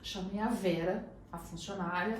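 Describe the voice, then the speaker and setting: A woman with a Brazilian Portuguese accent, a guest on an interview show, telling a personal story in a lively way and acting out what others said. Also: medium pitch, moderate pace. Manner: animated storyteller who acts out the other people's lines. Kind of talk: casual chat, personal storytelling. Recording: very echoey room, distant mic, faint noise.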